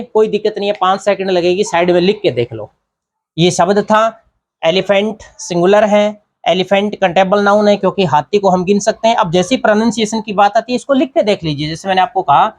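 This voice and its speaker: Male grammar teacher, explaining step by step, repeating himself and checking in with the class. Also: high voice. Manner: explains step by step, repeats key points, often asks "theek hai na". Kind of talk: classroom-style grammar lesson.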